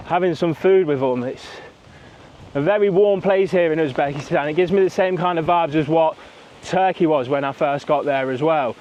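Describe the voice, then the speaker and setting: A man's voice: a little high, a little mellow, slight background noise. A man, a travel vlogger chatting casually and enthusiastically outdoors. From United Kingdom. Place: outdoors by a road.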